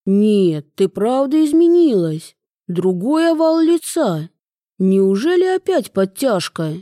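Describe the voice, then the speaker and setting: Jokey middle-aged uncle, chummy and teasing, read by a woman, mellow tone. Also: a little high, very animated, takes it slowly, no room sound, clean studio sound. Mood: joking. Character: cheerful joking middle-aged man, 43.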